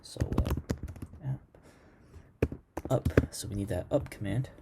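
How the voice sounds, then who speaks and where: A man's voice: on the low side, takes it slowly, gravelly, very noisy. A man teaching a coding lesson over his screen, thinking aloud and muttering commands as he types. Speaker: programming instructor. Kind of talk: screen-recorded coding tutorial.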